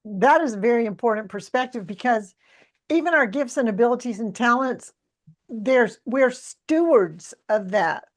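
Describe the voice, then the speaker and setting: Woman, podcast host, slightly high pitch, conversational, affirming, effusive. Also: expressive, normal speed. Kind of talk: conversational interview hosting.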